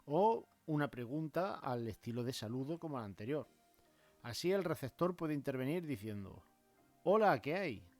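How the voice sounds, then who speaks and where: Male teacher, measured explainer who acts out examples with marked intonation. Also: medium pitch, animated, a little mellow, soft background music. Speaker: language teacher. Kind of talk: explanatory grammar lesson.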